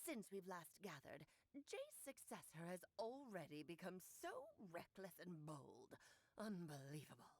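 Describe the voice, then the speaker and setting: A woman's voice: fairly low pitch, sing-song, a little slow, darkish tone, no echo. A woman playing a game character who mimics a pompous, scolding old hag in grand, stern phrases. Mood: haughty scolding. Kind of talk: game voice acting.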